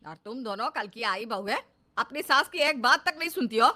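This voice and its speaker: A woman's voice: fairly high pitch, expressive, moderate pace. A woman voicing a stubborn, scolding old mother-in-law in a cartoon story. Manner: scolding, sharp retorts. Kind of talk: cartoon dub.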